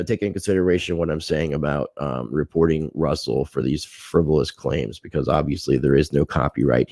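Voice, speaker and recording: A very deep, warm male voice, recorded clean in a studio with no room sound. He's an American livestream host running a casual stream, reading viewer comments, thanking people by name, and airing a grievance.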